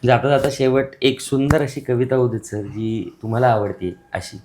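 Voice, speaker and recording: A man hosting a podcast interview, warmly chiming in with approving interjections and asking the guest questions. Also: medium pitch, normal speed, background noise. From Maharashtra. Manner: appreciative, frequent approving interjections. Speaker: podcast host.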